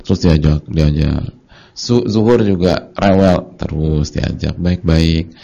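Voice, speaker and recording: A man giving a casual, colloquial religious lecture, telling lively stories and acting out short dialogues. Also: very deep voice, slow, creaky. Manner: colloquial and conversational. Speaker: Islamic preacher. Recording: dull lo-fi lecture recording.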